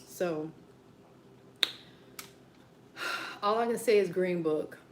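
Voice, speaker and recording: A woman's voice: lowish voice, very slow, slight background noise, low-quality recording. A woman with a Southern American accent hosting a late-night mukbang livestream from home, chatting casually and rambling to her viewers as besties. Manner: rambling, talks to viewers as besties, drops into quiet asides.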